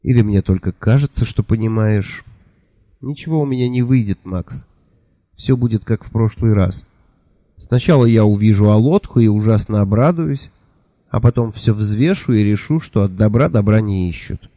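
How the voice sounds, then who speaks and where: A man reading the lines of an irritable, sharp-tongued elf-like young woman in an audiobook, in a snappish manner. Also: lowish voice, moderate pace, no echo, highs cut off, lightly acted. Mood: brooding.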